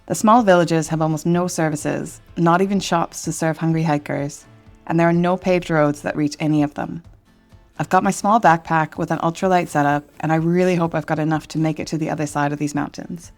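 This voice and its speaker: A woman with a low voice narrates her travel film in a scripted, measured way. Her delivery is reflective, with faint music running beneath it. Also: fairly even intonation. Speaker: vlog narrator.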